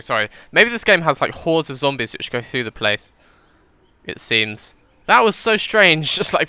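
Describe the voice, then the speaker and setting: A man playing a survival game and commenting for his viewers, dropping to a whisper while sneaking and swearing in loud startled bursts. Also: fairly high pitch, smooth, no room sound. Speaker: gaming video host. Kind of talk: let's play commentary. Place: indoors at a desk with facecam.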